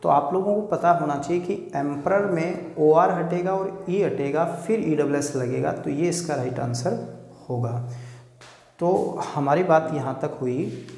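Male teacher, exam-prep grammar class, somewhat high voice, mellow tone, explains and checks in, echoey room. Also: a little slow, gravelly. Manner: explanatory, repeats points, checks with "ठीक है". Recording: echoey room with long reverb.

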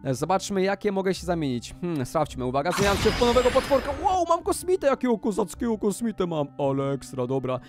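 A young man doing excitable, shouty Minecraft roleplay commentary as a gaming YouTuber, often jumping in pitch. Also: fast talker, hardly any pauses, over music.

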